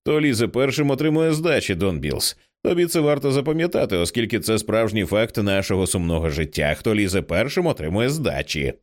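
Storybook figure: a firm, measured grown man, as the reader plays him, low and even-toned. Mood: stern. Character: calm stern grown man lecturing a child.

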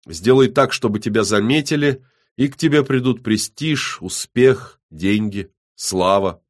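A man reading as a gloomy, quiet young man who speaks flatly and calmly. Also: medium pitch, unhurried, pitched above the performer's own voice, lightly acted. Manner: flat, calm, gloomy.

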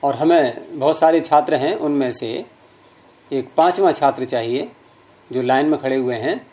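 A man's voice: medium pitch, normal speed, dark tone. A man teaching Sanskrit grammar, patiently explaining rules step by step with examples and repeating key terms.

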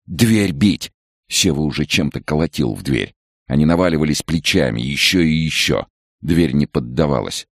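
A man narrating an audiobook in a measured, dramatic reading. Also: a bass voice, animated, vocal fry, no room sound, studio quality. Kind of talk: scripted narration.

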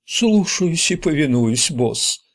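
A man voicing a grumbling old grandmother in a high, cracked falsetto, coaxing slowly in an audiobook. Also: big pitch swings, husky, heavily acted. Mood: mock obedient. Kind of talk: audiobook character voice.

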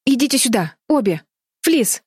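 A woman's voice: sits high, sing-song, normal speed, slightly rough, dry recording, studio quality, voice pushed up, heavily acted. Brave girl heroine, urgent rallying tone, read by a woman narrator. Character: determined girl heroine, bold leader.

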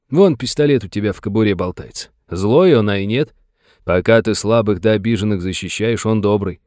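A man voicing a gruff older Russian settler with a folksy, blunt, scolding manner. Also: on the low side, darkish tone, no echo, clean studio sound, close to an everyday voice.

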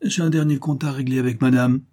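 A man's voice: mid-range voice, steady tone, fast, mellow, pitched above the performer's own voice, close to an everyday voice. A man voicing a commanding young noble avenger. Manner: imperious, authoritative.

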